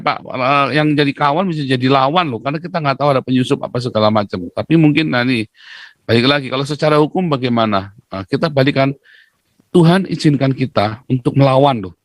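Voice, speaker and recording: A man speaking as a guest commentator in a talk-show discussion, emphatic and lecturing, with sudden jumps in pitch. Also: no echo.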